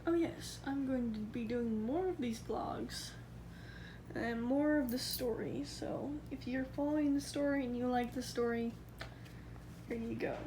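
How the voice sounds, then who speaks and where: Chatty and giggly, this woman rambles through a casual vlog that moves from her backyard to indoors at home. She has a slightly high voice and a measured pace, and the home video audio is noisy.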